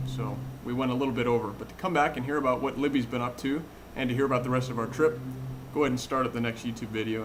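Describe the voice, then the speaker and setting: Casting: man, vlog host sign-off, quick friendly address, audible noise behind. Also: mid-range voice. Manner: friendly, direct address to viewers. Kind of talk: closing voice-over to viewers. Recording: clearly noisy recording.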